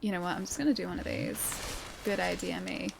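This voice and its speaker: A woman's voice: on the low side, quick pace, gravelly, noisy background. An Australian woman streaming a video game, chatting casually with her viewers, reading their messages aloud and laughing often. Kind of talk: casual live-stream gaming chat.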